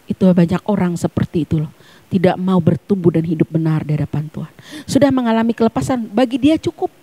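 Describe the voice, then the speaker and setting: A woman pastor preaching a sermon at a church service. She is emphatic, swinging between hushed near-whispers and loud, fervent peaks. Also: fairly low pitch, husky, no echo.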